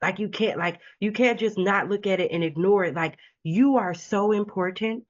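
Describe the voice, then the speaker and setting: A woman sales coach on a video call, talking with lively, encouraging conviction and frequent laughs. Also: mid-range voice, moderate pace, dull audio. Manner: animated, laughing, preachy encouragement. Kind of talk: casual video call chat.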